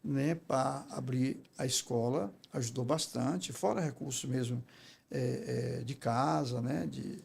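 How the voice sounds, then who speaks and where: A Brazilian man, a public speaking teacher appearing as an interview guest, tells stories in an emphatic, didactic way and often checks that the listener agrees. His medium-pitched voice is gravelly and a little mellow, and he takes his time. There's slight background noise in this conversational interview storytelling.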